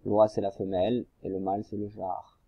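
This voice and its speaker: A man's voice: on the low side, little pitch movement, normal speed, no room sound, muffled recording. A man teaching young children a reading lesson, patiently guiding them through workbook exercises and spelling out syllables. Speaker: primary school teacher.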